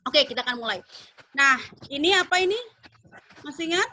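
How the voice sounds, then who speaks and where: Bright high-voiced woman teaching English. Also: lively intonation, fairly quick. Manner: drills words by repeating them. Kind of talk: online English pronunciation lesson.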